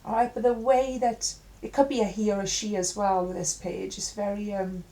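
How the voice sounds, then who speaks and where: A woman's voice: mid-range voice, fairly even intonation, mellow, poor audio. Musing woman giving a tarot reading. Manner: musing, halting, with many fillers. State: coughing at times. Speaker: tarot reader.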